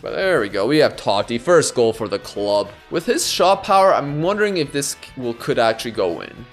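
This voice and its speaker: A young man giving let's play commentary on a football video game, swinging between excited shouts and low muttering, with faint music behind. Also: moderate pace. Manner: animated, yelling at players, swings from excited to muttering. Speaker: gaming YouTuber.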